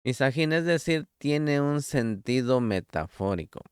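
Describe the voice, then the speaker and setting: A man teaching a sermon-style Torah study, reading scripture aloud and speaking directly to his listeners in a deliberate way. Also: mid-range voice, lively intonation, smooth, dry recording, studio quality. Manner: addresses listener directly as beloved. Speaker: preacher.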